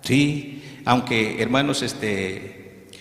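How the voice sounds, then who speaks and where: A man's voice: mid-range voice, very slow. A male minister preaching a sermon and acting out the voices in the scripture stories. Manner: preaching, acts out quoted voices of Satan and Jesus. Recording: echoey hall, long reverb.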